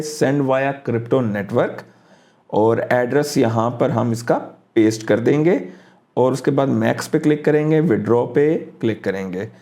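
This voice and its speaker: A man's voice: medium pitch, mellow. A man hosting a casual screen-recorded tutorial, thinking aloud as he clicks through each step and dropping English phrases into his talk. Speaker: crypto tutorial host.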